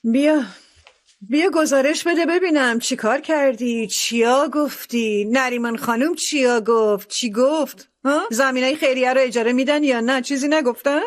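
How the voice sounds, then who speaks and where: A woman's voice: high-pitched, natural voice. A woman dubbing a domineering, scornful mother. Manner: commanding, scornful, sarcastic. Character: domineering scheming wealthy mother, sharp-tongued landowner. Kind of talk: dubbed TV drama.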